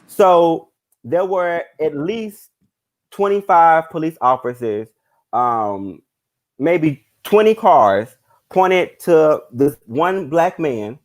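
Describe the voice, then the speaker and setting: Guy with kinda high voice, earnest, halting, restarts a lot, casual group talk. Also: low-quality recording.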